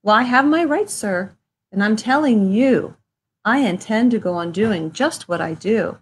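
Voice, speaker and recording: A woman's voice: mid-range voice, unhurried, slight background noise, natural voice. A woman reading a picture book aloud, voicing a greedy man who answers back in a blustering, defiant way.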